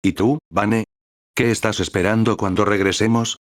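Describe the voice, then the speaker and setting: A man's voice: fairly low pitch, steady tone, normal speed, no echo, studio quality, natural voice. A man voicing a friendly, mischievous male priest who teases his companions. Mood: teasing. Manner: amiable, teasing.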